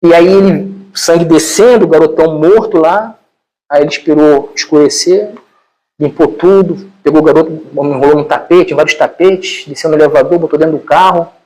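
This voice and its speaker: A Brazilian man with a slightly high voice lectures informally. He retells a film to his listeners in animated, colloquial storytelling, leaning on repeated fillers. His Portuguese accent is plainly Brazilian. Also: normal speed, poor audio.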